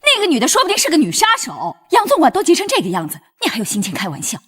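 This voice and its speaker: Brief: worried, scolding lady of the house in a TV drama, very expressive. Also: mid-range voice, rapid-fire, breathy edge, exaggerated voice. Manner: fretful and scolding. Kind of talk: TV drama acting.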